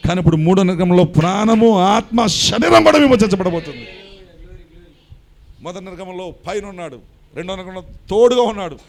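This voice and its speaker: A man preaching a sermon, dropping to hushed questions to the congregation and rising to shouted, sing-song proclamations. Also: high voice, lively intonation, fairly quick. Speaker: pastor.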